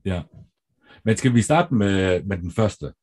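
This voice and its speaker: A Danish man co-hosting a casual podcast, upbeat and quick to egg on his co-host. His voice is low and a bit husky, and his pitch swings widely as he talks. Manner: upbeat, lively, laughs easily, eggs on his co-host.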